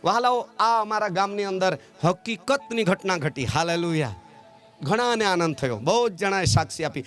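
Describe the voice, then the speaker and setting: A man preaching a sermon as pastor with a Gujarati accent, calling out to the congregation and slipping into a sung delivery. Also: high voice. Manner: animated call-and-response preaching, sometimes sung.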